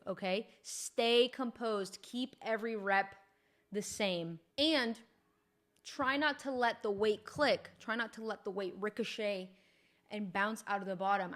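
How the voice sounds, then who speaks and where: Using a mid-range, fairly bright voice, a young woman who coaches fitness describes proper gym form. The delivery is relaxed, energetic and conversational, like a casual lesson.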